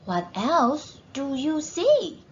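A woman's voice: high-pitched, sing-song, extremely slow, a little mellow, dull audio. A woman teacher reading a storybook aloud to children, encouraging them and asking questions.

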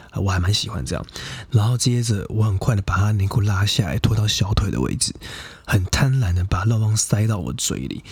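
A man's voice: on the low side, darkish tone, husky, no room sound. A young adult man, hosting a podcast and casually telling a personal story in a frank, profane, chatty way full of fillers. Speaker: podcast host.

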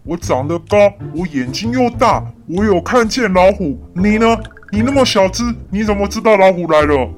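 A woman putting on a proud storybook giraffe in a slightly lower, louder voice with a bossy, mocking edge. Its speaking voice keeps a lively, animated rise and fall. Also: measured pace, faint music behind. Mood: scornful. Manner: loud, bossy and scornful.

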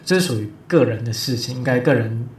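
A man's voice: lively intonation, fast. Hesitant male host, roomy sound. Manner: hesitant, many fillers and restarts. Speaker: podcast host. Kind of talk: casual interview chat. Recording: roomy echo, faint rumble.

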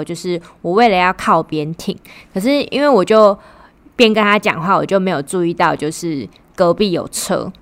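Young woman telling a story. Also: mid-range voice. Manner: animated storyteller acting out quotes, swears casually. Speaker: podcast co-host. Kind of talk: casual storytelling chat.

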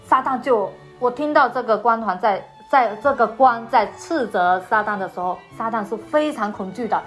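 Appearing as an interview guest, a woman recounts her faith testimony in halting speech, often restarting and repeating words. Her voice sits a little high, and soft music plays faintly behind her.

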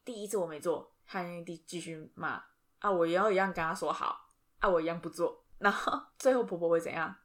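A woman co-hosting a podcast, telling stories in an animated, chatty way with many fillers. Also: lowish voice, brisk. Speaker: podcast co-host. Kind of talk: casual chat.

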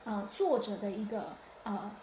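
A woman hosts a solo podcast in an echoey room, chatting casually and reflectively with many hesitations and restarts. Her mid-range voice is warm and animated, moving at a measured pace, and there's a slight hiss or hum.

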